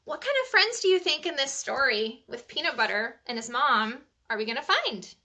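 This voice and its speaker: A woman whose voice sits high tells children a bedtime story in an animated, chatty style, breaking off to pose questions to her young audience.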